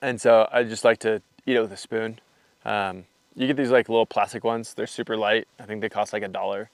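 A young hiking vlogger with a fairly low, gravelly voice speaks briskly as he casually goes over his hiking gear on camera. He rambles loosely and explains in a relaxed, filler-heavy way. The recording from his camera mic is dry.

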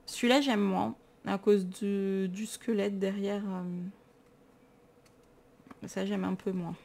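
A woman's voice: medium pitch, level tone, takes it slowly, vocal fry, darkish tone. French woman vlogging, tired but gushing, chatty and self-mocking. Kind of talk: casual chat, showing books.

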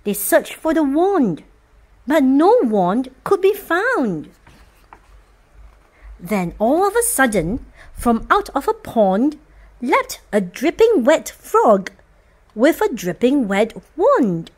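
A woman reading a rhyming children's picture book aloud as storyteller, expressive and sing-song. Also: sits high, slow pace.

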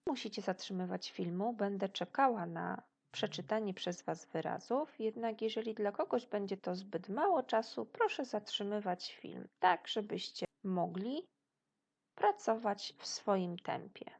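Polish woman teacher, slow and gravelly, patient lesson for small children. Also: medium pitch, expressive, a little mellow. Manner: praises pupils' imagined answers. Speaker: primary school teacher. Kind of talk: recorded video lesson for children.

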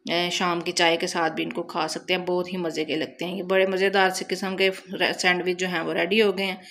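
Recorded at home with clear background noise, this cooking-channel voice-over comes from a woman whose lowish voice has a fairly bright tone. She speaks with a Pakistani Punjabi accent and keeps things casual and chatty as she talks through the recipe.

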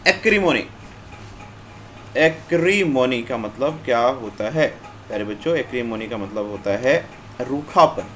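A man teaching English vocabulary in an online class, explaining slowly and repeating "theek hai" after nearly every phrase. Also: medium pitch, lively intonation, fairly bright tone. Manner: slow, repetitive explaining, mixing Hindi and English. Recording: faint background noise.

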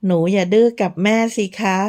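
A woman playing a proud, protective young mother who speaks in a sharp, clipped, defiant way. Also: medium pitch, steady tone, brisk, natural voice. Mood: coaxing.

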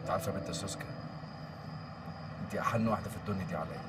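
An actor playing an Egyptian man who is brisk and commanding with his friends and tender with his partner. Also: low-pitched, fairly even intonation, close to an everyday voice. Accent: Egyptian Arabic. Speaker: gang leader. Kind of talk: TV drama acting. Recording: distant mic, heavy background noise.

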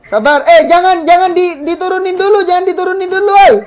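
A woman's voice: very high voice, little pitch movement, a little fast, a little mellow, soft background music. A woman hosting a game session, barking repeated commands at players and swearing casually. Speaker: gaming channel host. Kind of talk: live game commentary giving orders to players.

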